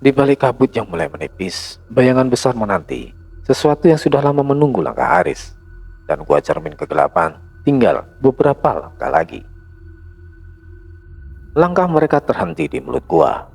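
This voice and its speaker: Brief: male horror narrator, gravelly and husky, lively pitch, faint music bed. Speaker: storyteller.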